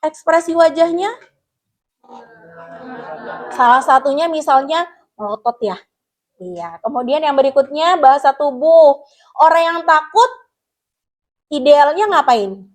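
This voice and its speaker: A woman's voice: sits high, measured pace, pauses often. A woman counselor teaching a guidance lesson to a class of pupils, explaining step by step and asking them questions as she goes.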